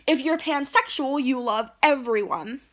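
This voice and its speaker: At home indoors, a vlogger rants indignantly into her phone, rambling and restarting as she argues in a heated rant to camera. Her voice is high-pitched, a little slow, and fairly bright.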